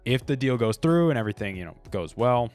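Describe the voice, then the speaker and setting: A man's voice: medium pitch, lively intonation, fast, a little mellow, faint music behind. A man hosting a podcast, talking without a script in a blunt, opinionated, conversational way with many fillers. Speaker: podcast host. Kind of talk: unscripted solo commentary.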